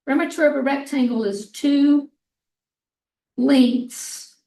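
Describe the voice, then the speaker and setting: Slow, hoarse woman teaching math. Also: sits high, fairly even intonation, mellow. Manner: slow, step-by-step explaining. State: hoarse, clearing throat. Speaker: math instructor. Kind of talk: recorded math lecture. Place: classroom. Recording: echoey room, mic far off.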